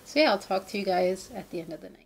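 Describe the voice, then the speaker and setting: A woman's voice: medium pitch, lively intonation, very fast, gravelly, breathy edge. A young adult woman talking casually to camera in a makeup review vlog, chatty and full of "um" fillers. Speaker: beauty vlogger. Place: home room indoors.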